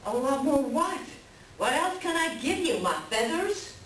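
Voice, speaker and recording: A woman's voice: sits high, big pitch swings, a little slow, fairly bright tone, exaggerated voice. A woman playing a crafty, scolding, teasing raven with pointed, theatrical delivery in a readers theater animal tale. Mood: wary bargaining. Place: library readers theater performance. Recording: roomy, distant mic, faint background hiss.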